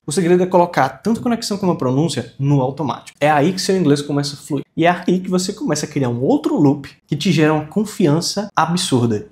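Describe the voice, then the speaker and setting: Young Brazilian man, English teacher, fairly high voice, informal and energetic, repetition drills. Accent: Brazilian Portuguese. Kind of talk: casual video lesson.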